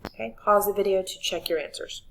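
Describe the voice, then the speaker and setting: A woman teacher giving clear, patient instructions in a recorded spelling lesson for young students. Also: mid-range voice, steady tone, fairly quick, slight background noise, poor audio.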